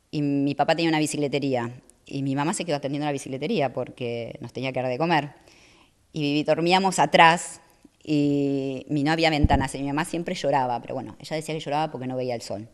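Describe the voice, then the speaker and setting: A middle-aged woman, talking as a guest in a casual interview, soft-spoken and hesitant with many fillers. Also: low voice, fast. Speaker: guest athlete.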